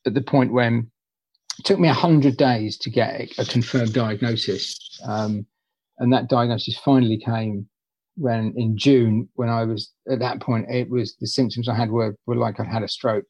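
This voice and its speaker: A husky-voiced man speaks in a relaxed interview, often stopping to restart and repeat his words. His voice sits in a middle range and sounds close and dry. The audio is slightly dull and lo-fi. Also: mid-range voice, moderate pace, no echo. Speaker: poet interviewed as a guest. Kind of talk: conversational interview.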